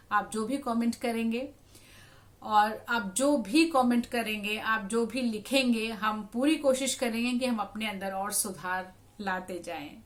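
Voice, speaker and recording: A woman who works as a radio jockey, talking to camera in a measured, advisory way and repeating phrases for emphasis. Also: medium pitch. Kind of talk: instructive talk to camera.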